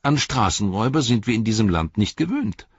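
A man voicing a brisk, confident young male hobbit who talks boldly and cheekily. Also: lowish voice, big pitch swings, slightly rough, no echo, highs cut off, pitched above the performer's own voice, exaggerated voice. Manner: bold, cheeky.

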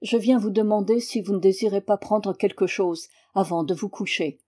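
Brief: awkward earnest young gentleman from a read-aloud novel, a woman narrator doing him. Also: medium pitch, moderate pace, lightly acted.

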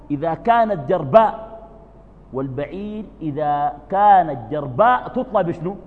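Sudanese male preacher, high-leaning voice, muffled sound, long hall reverb, asks and answers his own questions. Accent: Sudanese Arabic. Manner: asks the audience questions and answers them himself; swings between calm explanation and sudden loud emphasis. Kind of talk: religious lesson.

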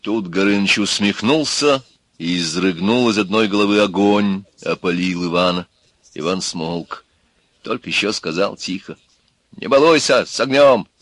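A man narrating an audiobook in an expressive, unhurried storytelling manner. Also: sits low, no room sound. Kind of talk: audiobook reading.

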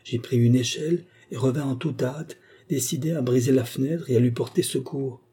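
A man's voice: medium pitch, fairly even intonation, moderate pace, dark tone, husky, pitched above the performer's own voice. A man doing a frightened old gardener. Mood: shaken. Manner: agitated, pleading, rising with fear. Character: frightened older male gardener, breathless witness.

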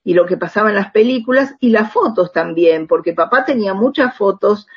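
Animated and fairly quick, with a breathy edge to her medium-pitched voice, a middle-aged Argentine radio drama writer shares anecdotes as an interview guest. She chats conversationally, frequently checking in with small tag questions, on a slightly dull lo-fi recording.

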